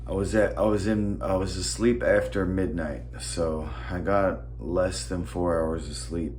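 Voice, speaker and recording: A vlogger rambles casually in a morning vlog, his articulation slightly thick and impeded because of a swollen, bitten tongue. His low voice is a little mellow, with fairly even intonation and a measured pace, recorded with roomy echo and faint background noise.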